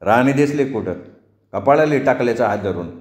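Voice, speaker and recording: A man's voice: medium pitch, expressive, moderate pace, darkish tone, reverberant, lightly acted. A man voicing a rude, demanding village husband in rural dialect. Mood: gruff. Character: gruff man, tamasha patron and husband.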